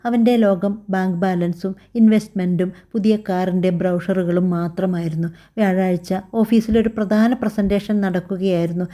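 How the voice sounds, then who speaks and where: A woman narrating a family drama story in a calm, measured storytelling manner. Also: mid-range voice.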